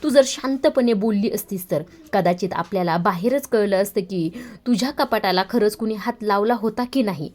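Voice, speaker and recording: A woman's voice: medium pitch, normal speed, a little mellow, voice pushed up, natural voice. A woman voicing an exasperated young husband who scolds his wife with firm, pointed questions. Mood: calm.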